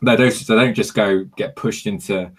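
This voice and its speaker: Very deep-voiced, halting male host. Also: fairly even intonation, husky. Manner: halting, many fillers and restarts. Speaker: host of a livestream Q&A. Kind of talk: casual livestream interview. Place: home in South Korea.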